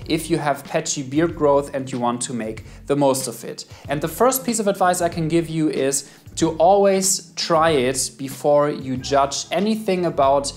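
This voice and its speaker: A man's voice: a little high, normal speed. A man with a German accent, a guest beard expert giving methodical, earnest advice straight to camera. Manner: earnest, methodical, numbered tips.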